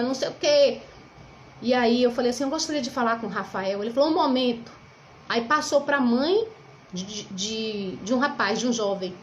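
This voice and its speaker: A woman's voice: on the high side, a little hiss or hum, low-quality recording. A middle-aged Brazilian woman with a Brazilian Portuguese accent, telling her story as a mother in an emotional religious testimony. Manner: emotional storytelling, quoting others.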